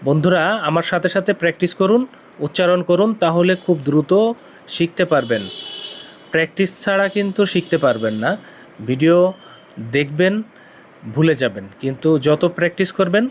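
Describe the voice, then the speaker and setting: A man from Bangladesh teaching a vocabulary lesson, repeating each new word slowly several times. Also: fairly high pitch. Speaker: language teacher.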